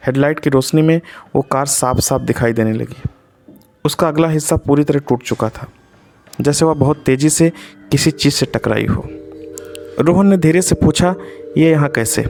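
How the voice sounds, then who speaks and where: A man telling a scripted horror story in a suspenseful, measured way. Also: on the high side, darkish tone, faint music behind.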